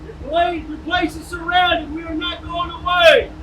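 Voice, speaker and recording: A man, a law enforcement officer, shouting a surrender callout through a megaphone outdoors near a residence. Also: very high-pitched, flat delivery, a little slow, background noise. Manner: shouted commands. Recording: distant echoey outdoor megaphone sound.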